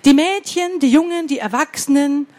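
A woman reading a fairy tale aloud to children in a slow, expressive way, pausing to ask them questions. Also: high-pitched. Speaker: storyteller for children.

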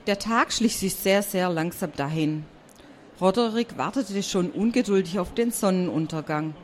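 A woman reading a children's story aloud in a gentle, unhurried storytelling manner. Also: mid-range voice.

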